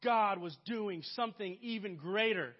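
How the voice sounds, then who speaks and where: Earnest high-voiced male preacher. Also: unhurried, lo-fi sound. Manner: earnest, builds to emphatic peaks then drops soft. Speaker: pastor. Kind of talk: sermon.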